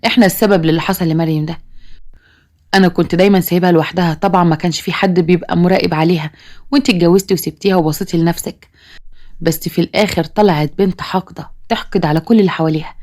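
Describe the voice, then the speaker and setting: Brief: woman voicing a fast-talking Egyptian dad in an audio story, pleading and defensive. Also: lowish voice, steady tone, a little mellow, lightly acted. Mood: distressed. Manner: pleading, self-justifying. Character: worried divorced father, middle-aged man.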